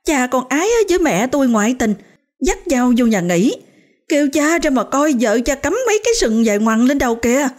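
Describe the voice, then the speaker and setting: A woman's voice: sits high, lively intonation, brisk, a little mellow, voice pushed up. A woman voicing a furious, tearful young woman screaming in public. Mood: shrill outcry.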